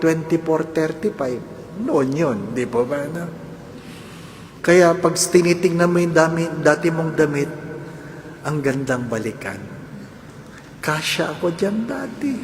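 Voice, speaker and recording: Male priest, humorous homily, fairly high and very expressive voice, constant call-outs to the congregation; long church reverb. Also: a little hiss or hum. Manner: animated, jokes, keeps asking the congregation "di ba?". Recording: echoey church hall with faint ambience.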